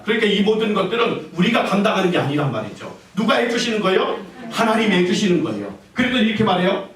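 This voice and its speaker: A man preaches a sermon in a call-and-response style, asking the congregation question after question and echoing their replies. His voice sits high. He sounds distant, in a church hall that booms with echo. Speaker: pastor. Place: church sanctuary. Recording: echoey church hall, voice from afar.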